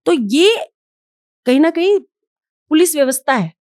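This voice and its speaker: An outspoken woman from Haldwani in India talks as a podcast guest, her voice sitting fairly high. She speaks emphatically and hands out firm advice. The sound is dry and close. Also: very animated, measured pace, darkish tone, dry recording. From Haldwani, Uttarakhand, India. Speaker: podcast guest, entrepreneur and influencer. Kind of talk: podcast interview.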